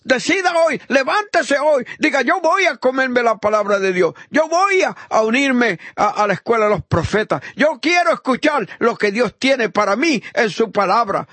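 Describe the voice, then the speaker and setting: A man preaching a fervent sermon, swinging between loud high exhortation and low murmured praise, acting out the voices of the people in his story. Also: expressive, normal speed, hardly any pauses, no room sound. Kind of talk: impassioned sermon.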